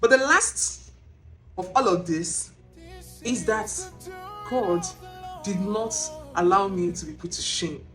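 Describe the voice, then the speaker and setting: A woman with a Nigerian accent filming herself as she tells a personal testimony, emotional and animated, close to tears. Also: mid-range voice, slow, long pauses, music in the background. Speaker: vlogger. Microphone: self-filmed camera.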